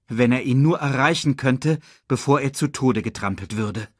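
A man reading a children's story aloud in a slow, dramatic storytelling manner. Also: no room sound, studio quality. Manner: slow and dramatic, very lively in pitch. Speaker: audiobook reader. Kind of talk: storybook narration.

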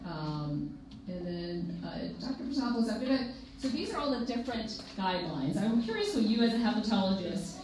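A young woman clinician moderates a conference panel in a room with a projector, chatty and explanatory with quick asides. Her animated, mid-range voice comes through a podium mic filmed from far back, so the sound is echoey with faint hiss.

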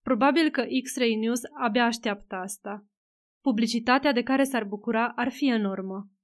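A woman voicing a tired male politician who speaks quietly and carefully in an audiobook. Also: fairly high pitch, close to an everyday voice. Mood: grave. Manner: quiet, measured. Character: weary calm male politician.

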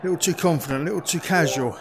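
A man giving relaxed, chatty running commentary on his own play in a VR cricket game, with quick exclamations. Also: on the high side. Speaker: gaming video creator. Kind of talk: live commentary while playing a VR cricket game. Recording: steady background noise.

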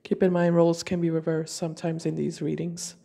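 A tarot reader with a low, mellow, creaky voice lays out cards at a table at home and talks her viewers through them. She has a cold, and her delivery is completely flat, coming in slow, deliberate, intuitive phrases.

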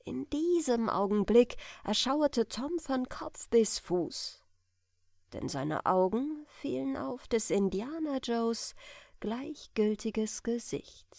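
Woman, bedtime storybook reading, slow, lively melodic voice, dry close recording. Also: on the high side, gravelly, no room sound. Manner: calm, expressive reading. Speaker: audiobook reader.

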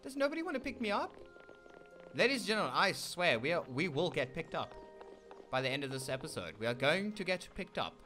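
An excitable man with a South African accent gives casual gameplay commentary with a bright, sharp edge to his voice. His pitch swings up and down all the time as he chats to viewers. Faint game music plays behind him. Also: brisk. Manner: excitable, keeps addressing viewers as "ladies and gentlemen"; meows and plays along as his kitten character. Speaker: gaming channel host.

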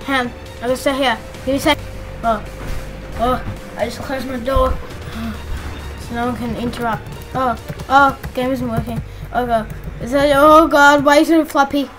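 A woman giving casual, excitable gameplay commentary as a YouTuber at home, chatting and squealing when things get thrilling. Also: sits high, normal speed. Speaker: gaming YouTuber. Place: home room with the door shut. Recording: clear game music underneath. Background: game music.

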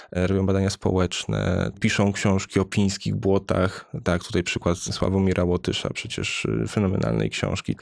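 A man's voice: on the low side, vocal fry, a little mellow, no room sound. A man, a guest researcher, explaining at length and frankly in a conversational studio interview.

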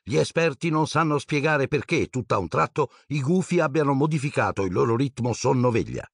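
A man's voice: mid-range voice, expressive, a little fast, vocal fry, slightly rough, no echo, studio quality, voice pushed up. A man voicing a formal television newsreader in announcer style, in an audiobook reading.

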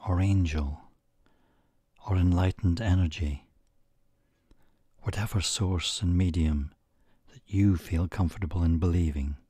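In a deep, mellow voice, a man guides a meditation, speaking very slowly and soothingly in short, measured phrases broken by pauses. His tone is soft and breathy and often drifts toward a whisper. The studio-quality recording has no echo.

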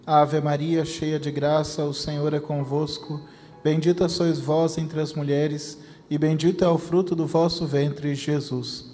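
Mellow Brazilian man chanting prayers. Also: a little high, a little slow. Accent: Brazilian Portuguese. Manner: steady chanted recitation. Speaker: rosary prayer leader. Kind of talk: recited rosary prayer. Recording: long reverb with faint noise.

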